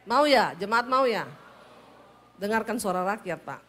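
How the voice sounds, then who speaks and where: A woman pastor from Sulawesi with a Sulawesi accent, preaching in a loud, animated, humorous storytelling style. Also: unhurried. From Sulawesi, Indonesia. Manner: loud, animated, high-toned speech.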